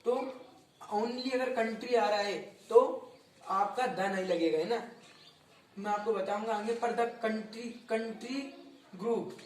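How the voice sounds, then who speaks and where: A high-voiced young man explains grammar to his students, repeating words and quizzing them as he goes. He stands back from the mic, so his voice carries a roomy echo with faint background noise. He often stops to correct his own slips. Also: far from the mic. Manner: frequent self-corrections. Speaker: teacher. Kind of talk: grammar lesson explained in Hindi.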